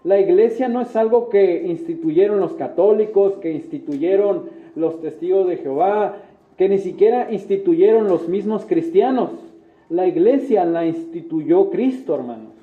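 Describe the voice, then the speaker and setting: An earnest male pastor preaching in a slightly high voice. His sermon rings through an echoey church, and the sound is thin and tinny, like a phone line. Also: animated, unhurried. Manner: earnest, addresses listeners as brothers, frequent "¿verdad?". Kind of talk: sermon with prayer. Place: church sanctuary.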